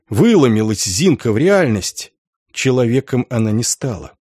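A man reading literary fiction aloud as a narrator, in a measured, expressive delivery. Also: medium pitch, slightly rough, no room sound, studio quality. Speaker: audiobook narrator.

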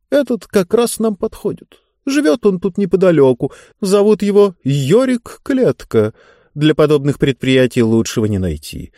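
A man voicing a talking book, a chatty and knowing female character, in an audiobook, in a lively, confiding storyteller tone. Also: on the high side, dry recording, studio quality, pitched above the performer's own voice.

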